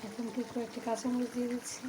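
A woman talking softly while she cooks at home, narrating each step for her viewers. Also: on the high side, level tone, very fast. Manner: speaks softly so a sleeping child stays asleep. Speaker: cooking vlogger. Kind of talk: casual cooking narration. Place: home kitchen. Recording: noisy kitchen ambience.

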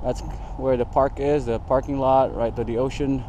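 A man's voice: medium pitch, normal speed. Man vlogging outdoors from his bike. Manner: relaxed running commentary, thinking aloud. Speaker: cycling vlogger. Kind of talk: casual vlog narration while riding. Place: outdoors on a coastal road by bike. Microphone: action camera mounted on bike. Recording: muffled action-camera audio with wind and traffic noise.

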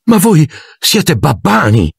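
A man voicing an excitable, enthusiastic middle-aged wizard father. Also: sits low, normal speed, slightly rough, no echo, clean studio sound. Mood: excited. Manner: excited, indignant bursts.

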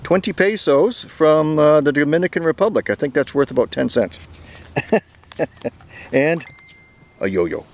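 Lively in intonation but measured in pace, with long pauses, a fairly high-pitched Canadian man in his forties narrates a casual outdoor geocaching vlog. He's chatty and upbeat, laughing often, filming handheld at arm's length on a bridge and wooded trails in summer.

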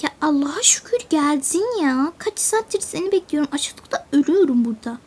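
A woman's voice: sits high, lively intonation, brisk, darkish tone. A woman voicing a hungry young boy in a toy game role-play, whining and complaining. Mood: whiny. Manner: whiny, complaining.

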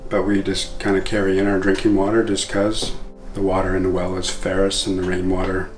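A middle-aged man giving a casual tour of his container cabin, relaxed and hesitant with fillers. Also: low-pitched, fairly quick, echoey room, music in the background. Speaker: container home builder. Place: outdoors on a hilltop and inside a container cabin.

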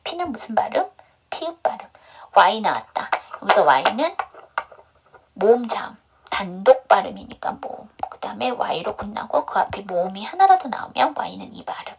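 A woman's voice: medium pitch, sing-song, normal speed, vocal fry, slightly rough. A woman teaching English pronunciation in an online class, drilling step by step by asking questions and answering them herself. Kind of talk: online phonics lesson.

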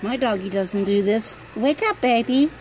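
A woman filming with a handheld phone in a pet store, softly coaxing puppies with repetitive baby talk. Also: fairly high pitch, animated, moderate pace.

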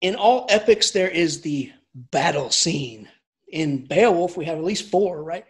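A man lectures as an English professor with an animated, informal delivery, frequently starting sentences over and chuckling through asides. His voice is on the high side and he speaks unhurriedly.

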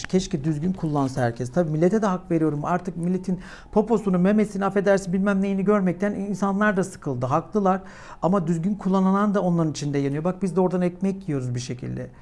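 A young woman vlogging at home while she eats, telling her story with animated, dramatic energy and a clip-on mic. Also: brisk. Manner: animated, dramatic storytelling that climbs in pitch when agitated. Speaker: mukbang vlogger. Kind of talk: casual chat while eating.

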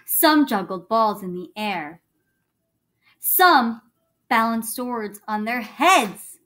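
A woman reading a children's book aloud like a teacher, pausing to explain things to young listeners. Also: fairly high pitch. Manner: expressive, pauses to explain to listeners.

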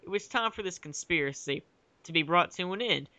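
A young man reads a fan fiction aloud in an over-the-top dramatic style, cracking himself up along the way. His voice is bright and smooth. The sound is dry and close. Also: sits high, animated, a little fast, no echo. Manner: giggly, jokey, hammy dramatic delivery. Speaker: fanfic reader and uploader. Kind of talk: mock-dramatic comedic reading.

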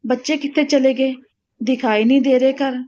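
A woman's voice: high voice, fairly even intonation, normal speed, a little mellow, lightly acted. A woman voicing a chatty village neighbor woman. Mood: curious. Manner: inquisitive, polite. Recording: dull lo-fi recording.

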